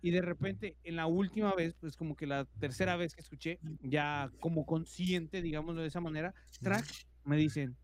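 High-voiced Mexican man telling horror stories. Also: darkish tone, a little hiss or hum. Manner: peppers nearly every phrase with filler slang, vivid sound effects. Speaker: podcast co-host. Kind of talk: casual horror storytelling.

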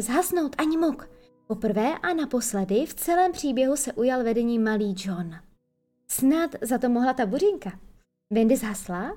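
Expressive woman narrating a children's tale. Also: on the high side. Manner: lively, expressive storytelling. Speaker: audiobook narrator.

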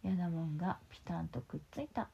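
A woman reading a picture book aloud to her child at home, animated and stopping to talk with the child. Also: lowish voice, fast, vocal fry. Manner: animated, talks with the child between pages. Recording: muffled lo-fi with faint hiss.

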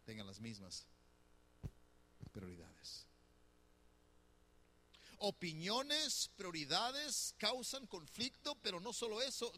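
A man's voice: medium pitch, sharp tone, a little hiss or hum. A middle-aged man preaching a conversational sermon as pastor, teasing his listeners and putting questions to them. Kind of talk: sermon on marriage.

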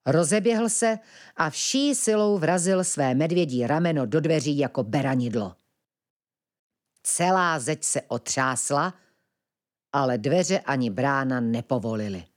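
A woman narrates a children's audiobook with expressive storytelling. Her voice sits lowish and moves with lively pitch.

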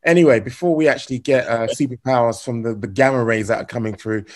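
A man hosting a casual podcast, asking questions in a relaxed way with frequent pauses. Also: mid-range voice. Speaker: podcast host.

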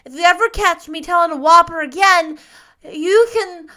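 A woman's voice: very high voice, normal speed, bright, forceful tone, voice pushed up. A woman voicing an impish, earnest little boy from a storybook, blurting things out frankly in childish, ungrammatical speech. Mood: earnest promising. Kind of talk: storybook character voice.

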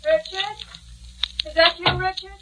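A woman's voice: extremely high pitch, little pitch movement, measured pace, noisy background. An actress in her fifties playing a jealous, demanding older wife with a nagging manner, in 1940s radio acting. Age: 50s. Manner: nagging, impatient.

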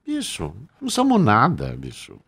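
Older guy on a podcast, low voice, swings up and down a lot, totally blunt and crude. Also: huge pitch swings, moderate pace, a bit bright, slightly rough. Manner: frank and bawdy, says "bicho" a lot. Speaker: guest, actor. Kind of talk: candid podcast chat.

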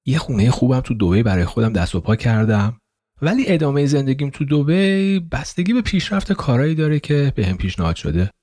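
A man's voice: medium pitch, lively intonation, mellow, dry recording, clean studio sound, pitched above the performer's own voice, natural voice. A man doing a sly, guarded spy. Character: middle-aged male intelligence man, guarded, sly.

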